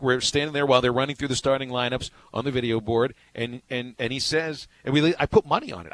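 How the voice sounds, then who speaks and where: A man's voice: medium pitch, fairly bright tone, low-quality recording. A man co-hosting a sports radio show, talking casually and telling rambling stories with many restarts.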